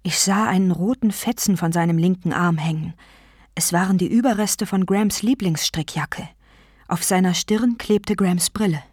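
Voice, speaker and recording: Woman audiobook narrator, husky, animated delivery, dry close mic. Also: lowish voice, moderate pace, dry recording. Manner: lively storytelling. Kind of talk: scripted narration.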